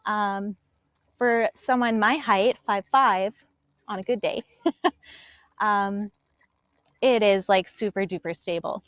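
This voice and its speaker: A young adult woman co-hosting a casual live stream from a dock on a lake, chatty and quick to laugh. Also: mid-range voice, a bit bright, no echo. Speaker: co-host presenting paddleboards. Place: outdoors on a floating dock on a lake.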